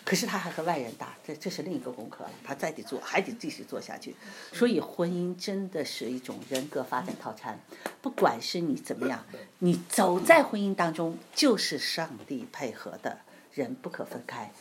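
A woman giving an informal church talk on marriage, telling stories with lively emphasis and frequent laughter. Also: low voice, fairly quick, noisy background. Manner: animated storytelling, laughs often. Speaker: church speaker.

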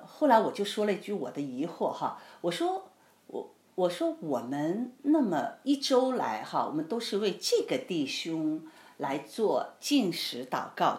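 Animated storytelling woman pastor, roomy sound. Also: on the low side. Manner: animated storytelling, often laughing, mimics quoted voices. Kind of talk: testimony in a casual interview. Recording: roomy echo with faint noise.

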